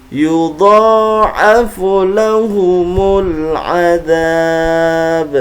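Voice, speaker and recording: Indonesian man reciting very slowly, over-enunciated. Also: high-pitched. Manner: over-enunciated, drawn-out syllables when demonstrating recitation. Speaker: Quran reading teacher. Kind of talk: instructional lesson with slow melodic Arabic recitation examples.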